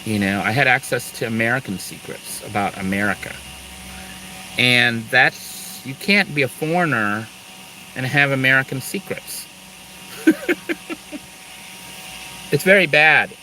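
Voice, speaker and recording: A man's voice: medium pitch, measured pace, long pauses, sharp tone, a little hiss or hum, rough recording. A middle-aged man from Thailand chatting casually on a live stream, rambling through asides and laughing now and then. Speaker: live-stream host, Air Force veteran.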